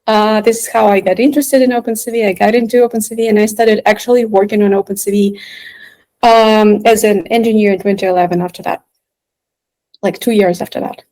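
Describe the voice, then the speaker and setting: A woman's voice: mid-range voice, fairly even intonation, brisk, darkish tone. A woman telling her story casually in an interview, in an informal, chatty way. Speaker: software engineer, interview guest.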